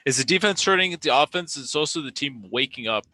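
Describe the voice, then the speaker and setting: A man giving laid-back color commentary on a fan stream, sounding tired and filling pauses with ums. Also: fairly high pitch, animated, pushed and bright, no room sound, rough recording. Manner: laid-back, sleepy, filler-heavy analysis.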